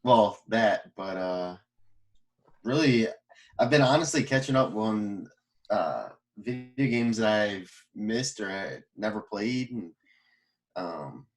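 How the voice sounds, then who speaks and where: A man's voice: on the low side, lively intonation, slow pace. A man co-hosting a casual podcast over a video call, rambling with ums and laughs. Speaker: podcast co-host. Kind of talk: casual chat. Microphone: remote call mic.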